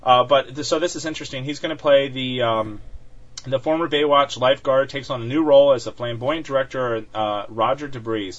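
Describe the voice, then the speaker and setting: A man's voice: medium pitch, fairly even intonation, brisk. Chatty male podcast host, lo-fi sound. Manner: chatty, many fillers and restarts, laughs often. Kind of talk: casual chat. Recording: dull lo-fi sound.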